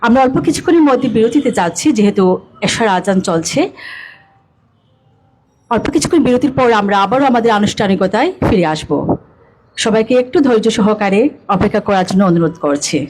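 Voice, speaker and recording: A woman's voice: mid-range voice, animated, a little fast, darkish tone, slight background noise, low-quality recording. A woman emceeing a book fair stage event, making formal, polite announcements into a stage microphone.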